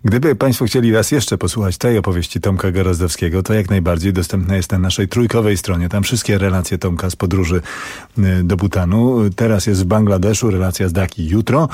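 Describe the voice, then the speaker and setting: A man presenting on radio in a relaxed studio manner, with a few fillers. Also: sits low, brisk, slightly rough, dry recording.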